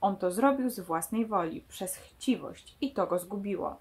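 A woman's voice: medium pitch, expressive, normal speed, a little mellow, husky. A woman reading the lines of a sly, mocking male crook from a novel aloud, giving him only a light voice. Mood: scheming.

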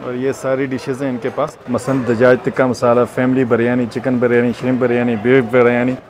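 Here a food vlogger, a man in his thirties, keeps a level tone at medium pitch and talks a little fast over background crowd sounds. Casual and enthusiastic, he chats his way from a mall food court to a hotel room, sprinkling in English phrases.

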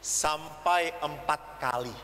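Man, bright voice, animated storytelling sermon, echoey hall, faint noise. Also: a little high, takes it slowly. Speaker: priest. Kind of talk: seminar sermon with anecdotes. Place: seminar hall.

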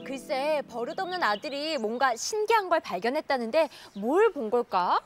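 High-voiced woman kids' show host. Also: very animated, normal speed, music in the background. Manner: friendly, addresses kids as friends. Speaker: children's TV host. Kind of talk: children's TV presenting.

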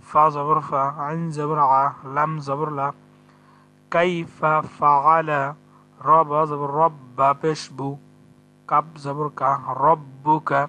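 A man with a bright, fairly high voice that stays within a narrow pitch range. He patiently spells out letters and vowel marks one at a time, then draws the verse out in a slow chant. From Bangladesh. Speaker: Quran reading teacher. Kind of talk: step-by-step recitation lesson.

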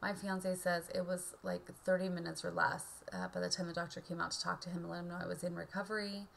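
A woman in her thirties talking casually and haltingly in a subdued way, as in a video diary recorded at home on a webcam. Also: lowish voice, level tone, vocal fry, a bit bright, a little hiss or hum. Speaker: vlogger. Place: indoor room at home. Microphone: webcam or laptop mic at arm's length.

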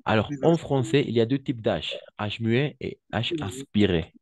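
A man teaching French to a class, patient, repeating each word slowly and often praising his students. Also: mid-range voice, animated, darkish tone. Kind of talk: online class instruction.

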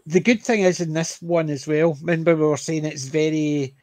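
Uk guy chatting about old tv, slightly high voice, dead dry mic. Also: steady tone, moderate pace, darkish tone, no echo. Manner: chatty, enthusiastic, trails off and restarts. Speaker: podcast co-host. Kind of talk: casual chat about TV shows.

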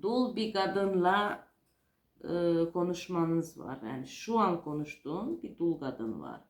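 Woman, fortune teller reading cards, unhurried pace, hesitant and repetitive, mid-pitched voice, roomy echo. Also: very animated. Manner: hesitant, repetitive, explaining as she goes. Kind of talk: fortune-telling card reading, informal and unscripted. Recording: roomy, echoing home-style recording.

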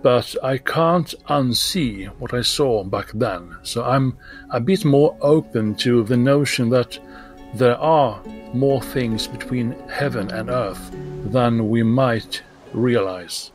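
Swedish guy reading out his story in a voice message, calm and even, soft music under it. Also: medium pitch, slow pace. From Sweden. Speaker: listener sharing a story.

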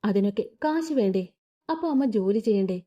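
A woman voicing a tired young pregnant woman who speaks softly and reassuringly in a storybook reading. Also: mid-range voice, expressive, brisk, lo-fi sound, lightly acted. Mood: weary. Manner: faint, reassuring. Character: weary young pregnant woman, brave and soft.

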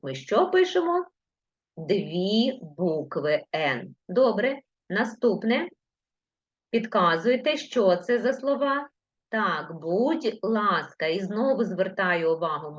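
A woman teaching primary school children in a live online lesson, patiently dictating words slowly letter by letter. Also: mid-range voice. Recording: lo-fi livestream audio.

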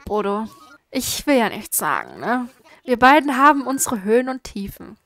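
A woman's voice: fairly high pitch, very animated, normal speed, fairly bright tone. A woman chatting casually through a video game, talking to its characters and giggling often. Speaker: gaming YouTuber. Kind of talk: casual gameplay commentary.

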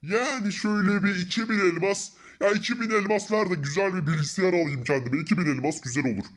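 A man playing a boastful young street thug who talks fast in a high voice. He mocks and bullies anyone in his way. A Minecraft parody character. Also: fairly bright tone. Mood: bossy. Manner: mocking and bossy.

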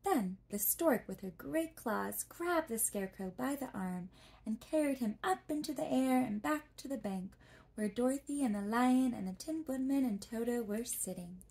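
A woman reading a storybook aloud in a gentle, softly spoken, whispered role-play for sleep. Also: a little high, expressive, moderate pace, creaky, slightly rough. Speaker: ASMR storyteller.

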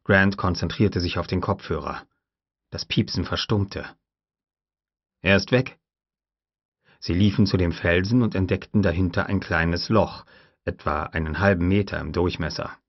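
Deep-voiced male audiobook narrator. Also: steady tone, normal speed, husky, no room sound, muffled recording. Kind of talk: scripted narration.

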